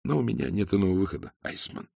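A fearless spy speaks with cool, measured menace, as a male reader puts him on. His voice sits low and even, and the sound is dry and close. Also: vocal fry, husky, dry recording, heavily acted. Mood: coldly commanding. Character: cold, unafraid male spy, taunting calmly.

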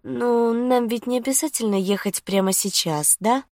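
Женщина-чтица озвучивает игривую, влюблённую молодую женщину, мягко и с придыханием. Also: female voice, a little high, normal speed, a little mellow, no echo, studio quality, pitched above the performer's own voice, close to an everyday voice. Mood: flirty.

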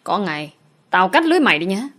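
A woman's voice: medium pitch, big pitch swings, fast, fairly bright tone. A woman doing a fierce young woman. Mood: furious. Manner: sobbing pleas, then teeth-gritted threats. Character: young woman, tearful then vicious.

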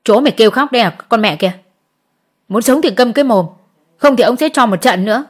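A woman voicing a brutal male guard chief who shouts threats at a crying woman. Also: a little high, lively intonation, quick pace, slightly rough. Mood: menacing. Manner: shouting, menacing.

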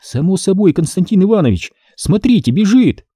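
A man reading an audiobook voices a lively, artless young woman helper in a raised, excited voice. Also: medium pitch, normal speed, husky, no echo, studio quality, pitched above the performer's own voice.

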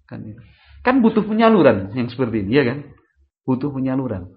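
A man's voice: medium pitch, a little fast, dull audio. A man giving a religious study lecture, talking animatedly and asking his listeners questions. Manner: lively, rhetorical questions to the audience. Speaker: Islamic preacher.

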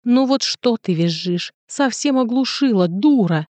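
A grumpy furry little male house spirit snaps and sneers, as a woman reads him with a gruff, scolding edge. The voice is mellow and dry, recorded close with no room around it. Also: mid-range voice, animated, moderate pace, dry recording, natural voice. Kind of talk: audiobook character voice.

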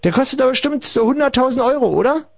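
A man's voice: extremely high pitch, animated, racing, vocal fry, a loud crowd. A man hosting a late-night call-in radio show, rambling ironically and chatting with callers. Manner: rambling, ironic, addresses listeners as kids. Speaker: radio host.

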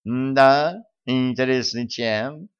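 A man's voice: mid-range voice, fairly even intonation, unhurried, clean tone, dry recording, highs cut off, voice pushed up, natural voice. A man doing a sneering petty scribe. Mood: disdainful. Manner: disdainful, dismissive. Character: petty, contemptuous imperial scribe, smug official.

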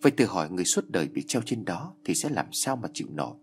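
A man doing a calm, stern old boatman. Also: lowish voice, a little fast, slight background noise. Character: calm, mournful old boatman judging a killer.

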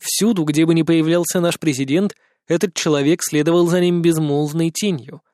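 A man narrating a first-person audiobook in an expressive, dramatic storytelling manner. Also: fairly high pitch, moderate pace, dry recording, clean studio sound.

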